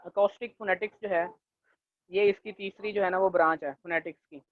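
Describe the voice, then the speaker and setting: A male linguistics lecturer teaching a class, leaning on fillers and checking in often, and slowing down to dictate definitions. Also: high voice, fairly even intonation, dry recording. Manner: leans on the filler "jo hai na" and checks in with "theek hai"; slows down to dictate English definitions. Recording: tinny, dry, phone-like recording.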